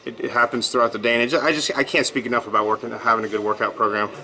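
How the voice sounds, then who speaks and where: Thirties male blogger, casual and rambling, sharp bright tone. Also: medium pitch, level tone, very fast, low-quality recording. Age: 30s. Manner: rambling, upbeat, many fillers and restarts. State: just finished a workout. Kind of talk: casual vlog monologue.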